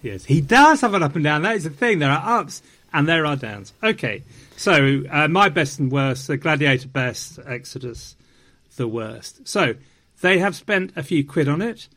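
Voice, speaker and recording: A man's voice: on the high side, lively intonation, moderate pace, bright, forceful tone. A man hosting a film podcast, talking in a wry, theatrical way. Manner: theatrical, wry, slips into mock French. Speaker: podcast host. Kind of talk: casual chat.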